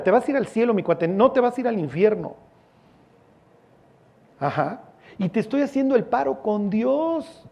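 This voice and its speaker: A man's voice: high voice, dull audio. A man with a Mexican accent preaching a sermon as a pastor, in a casual, joking, storytelling way with slang.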